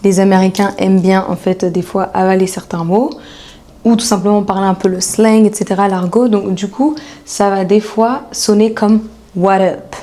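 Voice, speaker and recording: A woman coaching English in a relaxed, chatty video lesson. Her voice is mellow and warm, and she slows down to repeat each phrase for her viewers. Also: mid-range voice.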